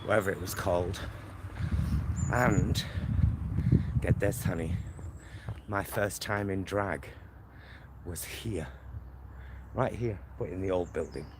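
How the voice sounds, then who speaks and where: A middle-aged vlogger from England, with a Greater Manchester accent and a low-sitting voice, films himself walking along a suburban road. He chats to camera in a casual, rambling, slightly camp way with campy endearments, and loud street and traffic noise fills the recording.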